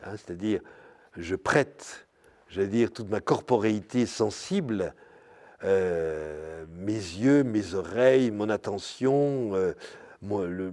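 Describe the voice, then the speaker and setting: An older priest lectures at an unhurried pace. His voice is dark and mellow, and his pitch moves a lot as he stresses words. He pauses often and fills the gaps with "hein" and "euh". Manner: slow, searching delivery with many "hein" and "euh". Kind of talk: spiritual lecture. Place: parish hall or church.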